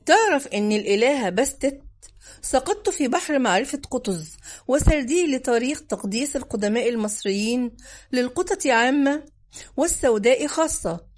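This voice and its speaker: A woman reading a first-person novel aloud as an audiobook narrator, in a measured, literary manner. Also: a little high, a little mellow.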